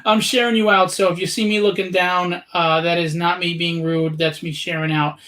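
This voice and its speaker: A man's voice: high voice, level tone, normal speed, pushed and bright, rough recording. A man in his late forties hosting a casual interview chat, chatty and joking. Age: 40s. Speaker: podcast host.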